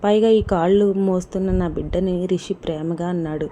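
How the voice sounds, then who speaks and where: A woman's voice: lowish voice, fairly even intonation, moderate pace, warm tone, slight background noise. A woman narrating a dramatic story in scripted storytelling style.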